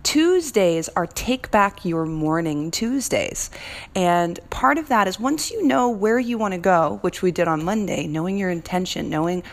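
A woman's voice: fairly low pitch, animated, unhurried. A woman hosting a lifestyle challenge, giving an upbeat, encouraging motivational talk with a morning voice. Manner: upbeat and encouraging, stretches key words. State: morning voice, clearing her throat.

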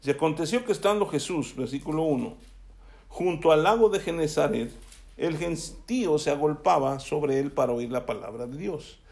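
Guy preaching, fairly high voice, reads the bible then chats through it asking "right?". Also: animated, normal speed, creaky, darkish tone. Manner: reads scripture aloud, then explains conversationally with tag questions. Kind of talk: sermon with Bible reading.

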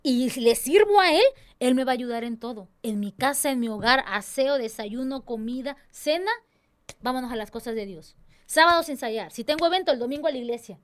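A woman's voice: high voice, a little fast. A young adult woman, earnestly explaining her tambourine dance ministry in a casual church talk. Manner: earnest, expressive, mimics others' voices.

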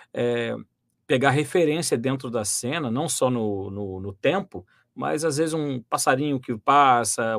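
A Brazilian man who works as a voice actor and dubbing director talks through his craft in a conversational interview. He explains in a lively way, full of restarts and fillers. His voice sits at an ordinary male pitch, recorded close and dry with little room sound. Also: no echo.

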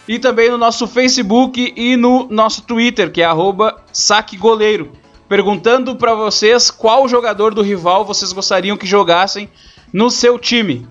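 Southern brazilian guy hosting a football show, high voice, casual, kinda muffled w/ music under. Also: fairly bright tone. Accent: southern Brazilian, Rio Grande do Sul. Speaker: host. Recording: dull lo-fi sound, music behind.

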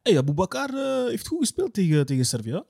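Hyped dude, high voice that jumps all over, football banter. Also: male voice, gravelly, husky. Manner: excitable, quick exclamations. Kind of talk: casual football chat.

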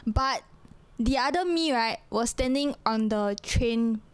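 Singaporean woman, young adult, higher-pitched voice, Singlish particles, casual personal storytelling. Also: slow pace, clear, resonant tone, dry recording. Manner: colloquial Singlish with sentence-ending particles. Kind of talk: casual chat, telling personal stories.

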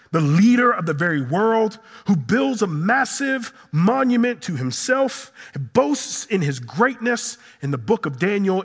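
Male preacher, fiery and animated, soaring high then dropping low, reverberant sanctuary. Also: slightly rough. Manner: impassioned preaching with dramatic swings of pitch and volume. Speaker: pastor. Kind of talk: sermon.

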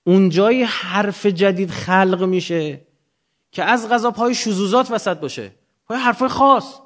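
A man's voice: high voice, fairly bright tone. Man lecturing in a didactic way. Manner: didactic, posing questions and answering them. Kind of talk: extemporaneous lecture to students.

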